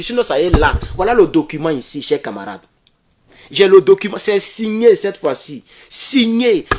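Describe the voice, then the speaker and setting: A man giving excitable political commentary to his viewers, calling them comrades and asking them questions. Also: high-pitched. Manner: reads English then translates haltingly.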